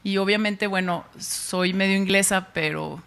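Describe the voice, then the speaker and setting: A Mexican woman with a Mexican Spanish accent, giving an informal public science talk in a chatty way, often pausing and restarting. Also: medium pitch, fairly even intonation, gravelly, fairly bright tone, smooth. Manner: chatty, with frequent fillers and restarts.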